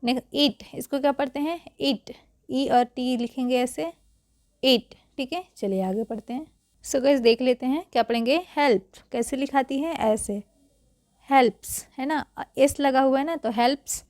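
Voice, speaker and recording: A woman's voice: high-pitched, moderate pace, a little mellow, dry recording, studio quality. A woman teaching English reading in Hindi, patiently repeating each word and quizzing the viewer.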